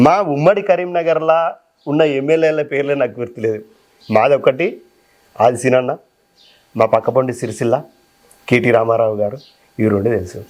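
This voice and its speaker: Telangana Telugu man, mid-pitched, folksy casual talk. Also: darkish tone. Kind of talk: casual interview chat.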